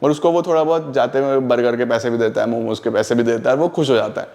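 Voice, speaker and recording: A man teaching a lively class lecture, asking and answering his own questions and mixing in English terms. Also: medium pitch, fast.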